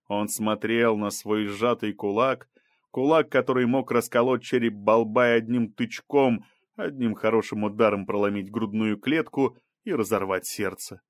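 A man narrating an audiobook in a steady, even storytelling voice. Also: on the low side, no echo, studio quality. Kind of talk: scripted narration.

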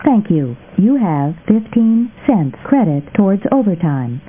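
A woman's recorded payphone announcement heard through the handset, slow and formal. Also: mid-range voice, big pitch swings. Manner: slow, formal, evenly spaced prompt. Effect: recorded payphone prompt heard through the handset. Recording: tinny phone line with loud hiss and clicks.

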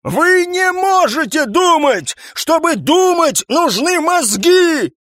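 A man voicing an irascible old police captain near retirement, yelling hoarsely in a storybook reading. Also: sits high, sing-song, normal speed, no room sound, studio quality, voice pushed up, exaggerated voice.

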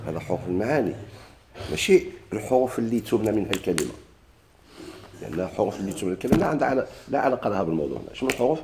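A man's voice: fairly low pitch, expressive, racing, background noise. A man with a Moroccan Arabic accent teaching a grammar lesson, asking questions and answering them himself, often repeating key words. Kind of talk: classroom lesson explaining a grammar text.

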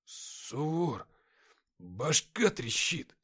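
A man voicing a young male writer, scared and then hostile, in a loud, strained, higher voice. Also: very animated, unhurried. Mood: groggy.

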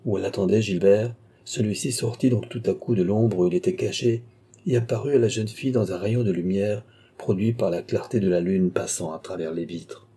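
A man reading an audiobook of a classic novel in a measured, even narration. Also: lowish voice, husky. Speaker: audiobook reader. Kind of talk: scripted narration.

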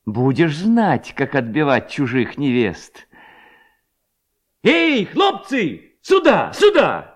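Young village lad, mocking and defiant, lively pitch, voiced by a male narrator. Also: a little slow. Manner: mocking, scheming.

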